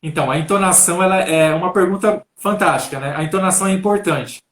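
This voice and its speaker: A Brazilian man talks as a coach during a live session. His voice sits a touch high and carries a roomy echo. He explains patiently and keeps checking in with his listeners. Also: quick pace. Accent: Brazilian Portuguese. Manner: calm, instructive, repeats "né?". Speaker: coach and speaker. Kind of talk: live stream talk, answering questions.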